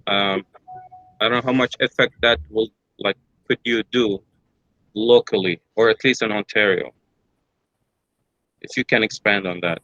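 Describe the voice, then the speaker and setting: A man's voice: lowish voice, fairly even intonation, unhurried, long pauses, bright, forceful tone, no room sound, highs cut off. A middle-aged man from Iraq with an Iraqi accent, asking a hesitant question at a public forum. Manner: hesitant, many filler sounds and restarts. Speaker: audience member asking a question.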